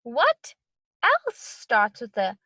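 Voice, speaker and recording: A woman's voice: a little high, wildly swooping pitch, very slow, sharp tone, dry recording, clean studio sound. A woman teaching young children like a kids show host, encouraging them with simple, careful wording and direct questions. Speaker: early-grade literacy teacher. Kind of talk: children's lesson narration to pupils.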